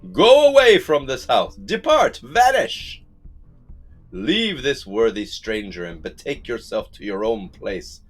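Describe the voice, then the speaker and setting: A man's voice: deep voice, takes it slowly, a bit bright, soft background music. A man doing a stern old greybeard healer. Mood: commanding. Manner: commanding, incantatory.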